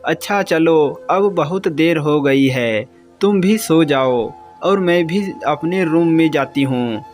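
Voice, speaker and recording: A man's voice: fairly high pitch, slow, soft background music. A man voicing a sad lonely housewife. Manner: gentle, weary and sad. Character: troubled young housewife, tearful and lonely.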